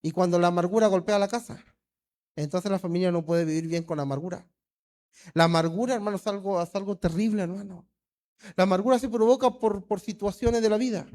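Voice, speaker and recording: A man's voice: high voice, a little fast, darkish tone. A man with a Peruvian Spanish accent, a pastor preaching a fervent sermon and calling the congregation "hermano" again and again. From Peru.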